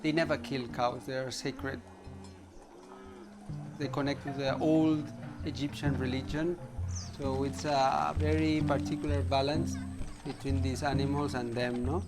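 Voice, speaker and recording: A man's voice: medium pitch, flat delivery, unhurried, over loud music. A man giving an explanatory documentary interview, often ending points with a tag question.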